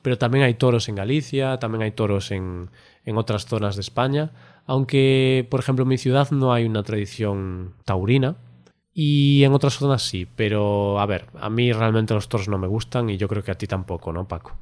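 A man's voice: fairly low pitch, moderate pace, a little mellow. A man hosting a casual podcast chat. He explains at length and keeps tagging his points with a questioning "¿no?". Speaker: podcast host.

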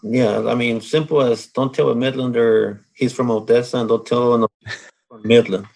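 A man from Mexico speaks in a relaxed interview. His voice is gravelly and a bit husky. He talks plainly, with a dry sense of humor. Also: mid-range voice, normal speed, poor audio. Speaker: guest, oilfield solids control worker. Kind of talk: casual interview.

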